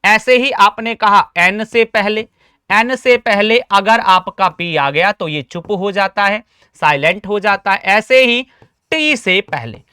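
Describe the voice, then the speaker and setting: Bright, crisp teacher quizzing. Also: male voice, high voice, no room sound, studio quality. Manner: quizzing, asks and answers his own questions; spells words out slowly letter by letter. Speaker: spoken English teacher. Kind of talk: classroom lesson.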